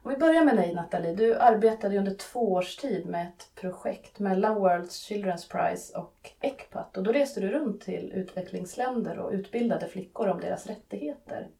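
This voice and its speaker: A woman podcast host introducing guests and asking questions in a measured, earnest way. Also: mid-range voice, vocal fry, mellow, distant mic.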